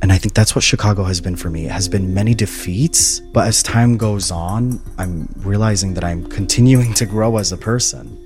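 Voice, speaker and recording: A man's voice: lowish voice, normal speed, hardly any pauses, darkish tone, soft background music. A man in his twenties from Palestine, telling his own story in a thoughtful, earnest way. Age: 20s. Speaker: housing case manager and graduate student. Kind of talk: reflective personal narration.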